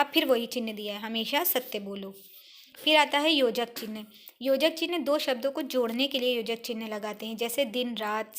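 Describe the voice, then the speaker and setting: A woman's voice: on the high side, fairly bright tone. A woman teacher patiently explaining a grammar lesson to young pupils, reading example sentences aloud. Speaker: school teacher.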